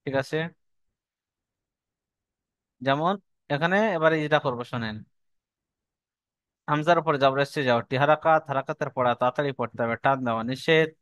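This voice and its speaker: A man teaching a Quran recitation lesson online, patiently repeating rules and slowly spelling out syllables. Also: mid-range voice, fairly bright tone, clear, resonant tone, no room sound, muffled recording.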